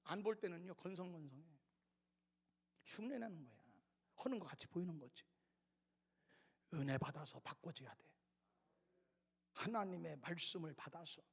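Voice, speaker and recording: Animated pastor with a gravelly voice. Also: male voice, fairly high pitch, moderate pace, long pauses. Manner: animated, acts out quoted voices, shouts and drops to whispers. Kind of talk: expository sermon. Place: church sanctuary. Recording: reverberant church sanctuary.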